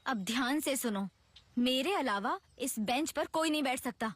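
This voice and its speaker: A woman's voice: sits high, animated, moderate pace. A woman speaking dubbed film dialogue as a strict employer, stern and scolding. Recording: film soundtrack with music behind.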